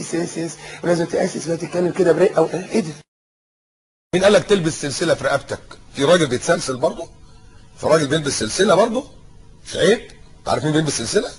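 A man preaching a colloquial sermon with an Egyptian Arabic accent. He mocks as he goes, acts out little scenes in different voices and shouts some lines for effect. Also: fairly high pitch, rough recording.

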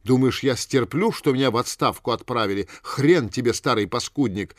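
Jealous young ex-lover in a screaming rage, voiced by a man, pitch pushed up and loud, dry booth sound. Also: measured pace, no room sound, lightly acted. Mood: furious, hysterical. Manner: shouting insults, hysterical.

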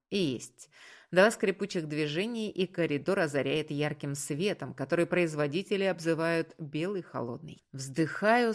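A woman narrates a first-person story aloud, her voice sitting slightly low. Her reading is expressive and measured, pacing each scene with care. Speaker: audiobook reader.

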